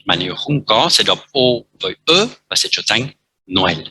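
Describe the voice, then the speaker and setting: A man with a Vietnamese accent teaching a French lesson, speaking slowly and repeating letters and words as he explains. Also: low-pitched, lively intonation, bright, forceful tone, slightly rough, no echo, poor audio. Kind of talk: language lesson, explaining at a board.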